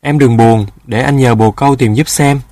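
A man's voice: medium pitch, fairly even intonation, moderate pace, a little mellow, no echo, studio quality, close to an everyday voice. A man voicing a proud, friendly boy of about twelve in a storybook, a bit boastful. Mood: cocky.

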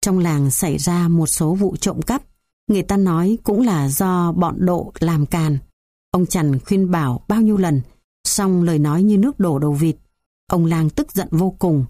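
A woman narrating a folk tale in a measured, dramatic storytelling manner. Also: lowish voice, warm tone, no room sound, studio quality.

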